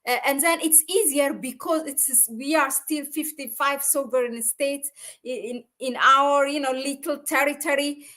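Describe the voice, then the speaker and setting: A woman's voice: high voice, fairly even intonation, a little slow, sharp tone. A woman co-hosting a livestream discussion, speaking hesitantly and thinking aloud with many fillers. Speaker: co-host of a Pan-African talk stream.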